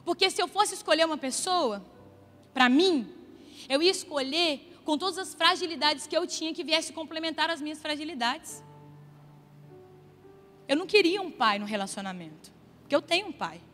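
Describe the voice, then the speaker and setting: Brazilian woman preacher, high bright voice, chatty storytelling, long church reverb, soft music behind. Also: animated, moderate pace, pauses often. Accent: Brazilian Portuguese. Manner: conversational storytelling with playful asides to the congregation. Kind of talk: sermon. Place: church sanctuary.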